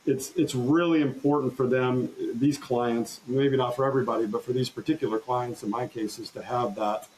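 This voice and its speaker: A man's voice: medium pitch, steady tone, darkish tone, a little hiss or hum, rough recording. Earnest storytelling male trial lawyer. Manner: earnest, halting restarts, recounts courtroom exchanges. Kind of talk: conversational storytelling interview.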